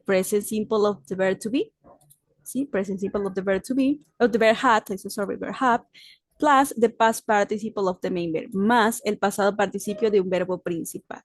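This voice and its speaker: Here a woman with a mid-range voice teaches English in a recorded online lesson, explaining patiently in a blend of Spanish and English. She checks in with "¿sí?" along the way. The sound is very dry, with no room at all.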